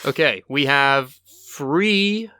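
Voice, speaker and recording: A man's voice: medium pitch, lively intonation, drawn-out words, pushed and bright, smooth, no echo, clean studio sound. A man co-hosting a podcast, bantering casually with sarcastic, mock-dramatic rants and plenty of swearing. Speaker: podcast co-host.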